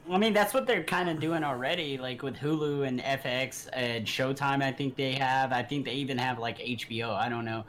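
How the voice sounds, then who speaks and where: A man's voice: medium pitch, a little fast, hardly any pauses, fairly bright tone, a little hiss or hum. A young American man chatting casually as a podcast co-host, joking in frat-bro slang. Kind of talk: casual chat.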